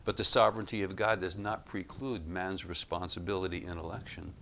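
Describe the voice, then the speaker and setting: A man giving expository Bible teaching, reading passages aloud and explaining them in a measured, emphatic way. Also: low-pitched, flat delivery, creaky, bright, forceful tone, slight background noise.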